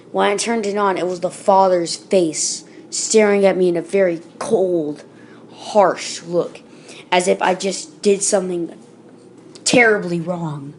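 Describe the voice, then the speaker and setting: A storyteller with a lowish voice and a little hiss or hum in the background tells a creepypasta. Her casual spoken reading is unscripted, full of fillers and self-corrections.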